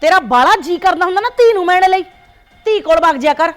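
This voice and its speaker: A woman's voice: high voice, animated, normal speed, faint music behind. An actress playing a domineering older grandmother who scolds and mocks her family, in a short drama film. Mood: scolding. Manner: scolding, sharp-tongued, sarcastic.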